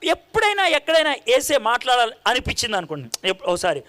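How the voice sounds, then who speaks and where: A man preaching a sermon in an animated, conversational way, full of rhetorical questions to his listeners. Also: extremely high pitch, quick pace.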